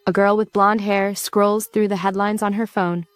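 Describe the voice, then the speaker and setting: A woman's voice: mid-range voice, flat delivery, moderate pace, clean tone, dry recording. Playful woman narrating a comic recap. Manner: playful, asides to the listener. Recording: dry close recording.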